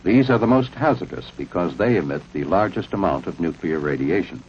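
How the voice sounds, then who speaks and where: Deep-voiced American man, vintage film narrator. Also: expressive. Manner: measured, authoritative, instructional. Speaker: documentary narrator. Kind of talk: 1950s civil defense film narration, scripted. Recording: muffled, noisy vintage film soundtrack.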